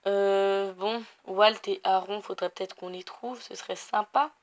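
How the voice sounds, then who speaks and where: A woman's voice: medium pitch, fairly even intonation, a little slow. Young woman rambling over her game, lots of ums and restarts, casual vlog chat. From Portuguese family. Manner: rambling, lots of filler and self-corrections. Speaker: gaming youtuber. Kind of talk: casual gameplay commentary.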